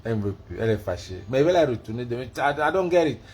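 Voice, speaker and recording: A man with an African French accent, vlogging casually as he mocks a voice assistant in loud, profane bursts. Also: mid-range voice, big pitch swings, fast, slight background noise. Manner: loud, profane and mocking, switching between English and French. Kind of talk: casual vlog, heckling a voice assistant.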